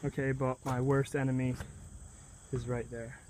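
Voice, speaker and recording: A young man filming a casual video diary outdoors at a rural building site, talking in a relaxed, chatty way with halting restarts. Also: medium pitch, slight background noise. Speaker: DIY vlogger.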